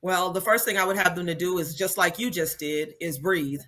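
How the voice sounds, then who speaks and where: A woman's voice: lowish voice, steady tone, a little fast, pushed and bright. A woman speaker and coach answering interview questions in a polished, upbeat way.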